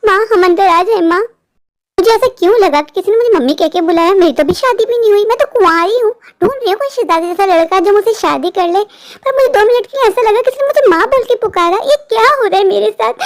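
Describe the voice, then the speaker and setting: A woman plays a naive young woman in a cartoon who frets and rambles to herself. The voice is very high and girlish. She sounds scared and chatty. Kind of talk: cartoon voice acting.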